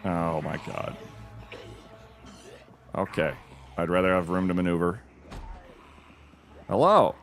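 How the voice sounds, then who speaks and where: A man's voice: low-pitched, flat delivery, measured pace, creaky, pauses often, soft background music. A man streaming a game, giving live commentary in a dry, wry, self-deprecating mutter.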